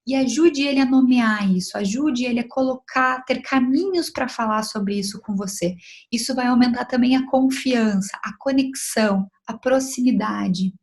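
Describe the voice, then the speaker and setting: A young adult woman with a Brazilian Portuguese accent, speaking as a child psychologist in an online lecture for mothers. Her voice sits somewhat high, and she talks in a gentle, advising way, often checking in with tag questions. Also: normal speed, hardly any pauses.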